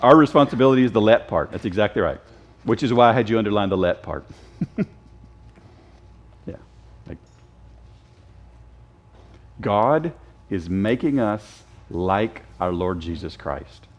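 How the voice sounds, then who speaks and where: A man's voice: fairly low pitch, lively intonation, a little slow, pauses often, dull audio. A man teaching a casual Bible class, joking and quizzing his students. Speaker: Sunday school teacher. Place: church classroom.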